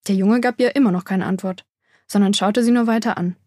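A woman narrating a children's storybook in a calm, even storytelling manner, with a breathy voice. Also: medium pitch, fairly quick, no room sound, clean studio sound. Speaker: audiobook narrator.

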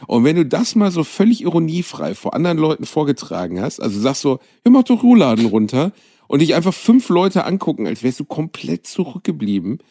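A man's voice: fairly high pitch, sing-song, fairly quick, hardly any pauses, dark tone. A man co-hosting a casual comedy podcast, telling stories and mimicking mispronunciations with plenty of animation. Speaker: podcast co-host.

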